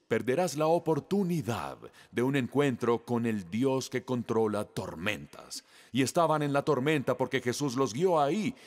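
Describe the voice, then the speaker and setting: A man's voice: medium pitch, darkish tone. A middle-aged man preaching a sermon as pastor, telling the story with emphatic swings in his delivery.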